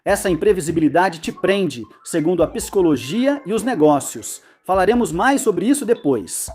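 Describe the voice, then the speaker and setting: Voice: mid-range voice, animated, moderate pace, darkish tone, breathy edge. A narrator reading a scripted educational explainer, with playful asides.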